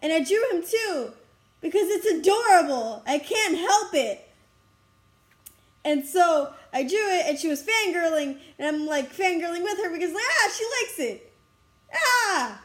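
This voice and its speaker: A young woman in a casual vlog, rambling excitedly and breathlessly about her school day, recorded outdoors on a school campus. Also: very high voice, normal speed. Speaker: vlogger.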